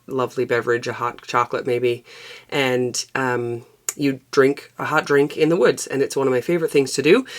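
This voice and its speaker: Raspy and bass-voiced, this knitting podcast host chats through a laid-back vlog. She rambles in a relaxed way, leaning on frequent fillers, and is picked up by an external mic.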